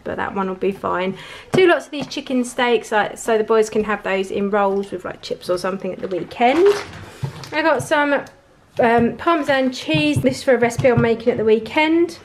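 A woman with a fairly high, chatty voice goes through her shopping item by item, dropping in prices and fillers as she goes. She is recorded on a handheld phone camera at a kitchen table indoors. A faint hiss of noise sits under the speech. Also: darkish tone. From England. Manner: chatty, lists items and prices with many ums and likes. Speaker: family vlogger. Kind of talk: casual grocery haul chat.

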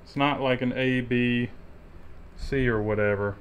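Working with his hands on an engine rebuild in his garage, a thirtysomething mechanic talks in a relaxed, unhurried way. His medium-pitched voice has fairly even intonation, with the highs cut off and slight background noise.

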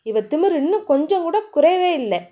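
A woman voicing a harsh older brother who talks fast and scolds bluntly. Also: high-pitched, animated, warm tone. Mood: scornful. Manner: brusque, rapid and scolding.

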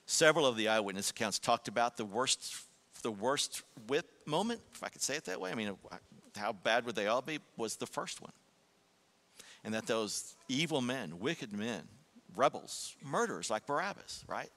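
A male pastor preaching a sermon in a church sanctuary with a bright, forceful voice. He swings from hushed, drawn-out phrases to emphatic bursts, and a long hall reverb trails behind his words. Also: medium pitch, expressive.

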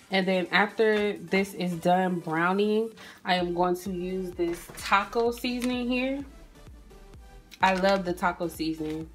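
A woman, chatting casually as she walks viewers through a recipe in her home kitchen, recorded on a phone camera. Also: medium pitch. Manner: chatty, addresses viewers as "you guys" and "y'all", frequent "um". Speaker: cooking vlogger. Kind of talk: casual cooking tutorial narration. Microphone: phone camera at the stove.

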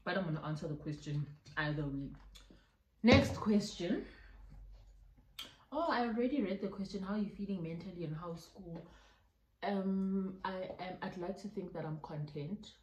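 This South African YouTuber in her twenties eats while chatting casually through a mukbang Q&A at home, laughing often and dropping local phrases into her speech. Her voice is fairly low and moderately paced. The indoor recording is rough and reverberant.

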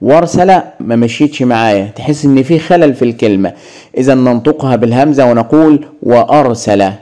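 A man's voice: mid-range voice, fast talker, dark tone. A man teaching an Arabic grammar lesson in an Egyptian accent, asking questions and answering them himself.

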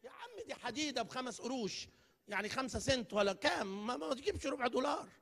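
A man's voice: extremely high pitch, fast talker, vocal fry. A man preaching a live church sermon, emphatic and full of rhetorical questions. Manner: emphatic, rhetorical questions, dramatic swings in loudness. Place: church hall. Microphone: live broadcast microphone. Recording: long church hall reverb.

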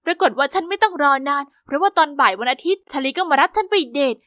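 Very high, bright female narrator. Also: fast talker, no room sound. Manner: lively, expressive storytelling. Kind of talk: scripted first-person narration.

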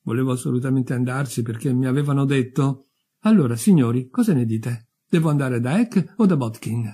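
A man's voice: a little fast, warm tone, husky, lightly acted. A man voicing a nervous, newly dead young man who stammers breathlessly. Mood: anxious. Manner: stammering, breathless, high and fretful. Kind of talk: audiobook character voice.

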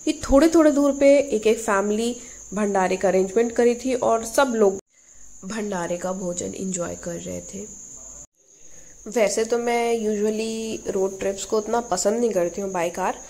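Young woman narrating a travel vlog, mellow. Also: medium pitch, unhurried. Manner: relaxed storytelling, speaks to viewers as "guys". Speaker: vlogger.

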